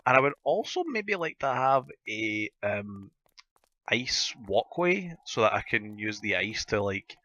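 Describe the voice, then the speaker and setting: A Scottish man with a gruff, sore-throated voice, hosting a casual gaming video and rambling as he thinks aloud. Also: fairly low pitch, very animated, measured pace, pushed and bright, lo-fi sound. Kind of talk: casual Minecraft let's-play commentary.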